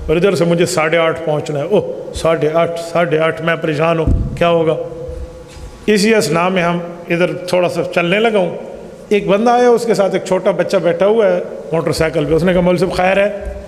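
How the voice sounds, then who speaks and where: A man's voice: high voice, steady tone. A man giving a sermon as a mufti, telling stories emphatically and acting out dialogue. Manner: emphatic storytelling, acts out dialogue. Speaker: mufti, preacher. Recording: echoey hall with faint background noise.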